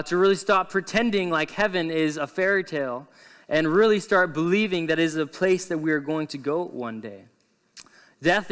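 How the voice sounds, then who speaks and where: A man's voice: a little high, a bit bright, big-room sound. A man preaching the end of a church sermon and leading a closing prayer, earnest and casual, often saying "man" and "uh". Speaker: pastor. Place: church service. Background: worship guitar music.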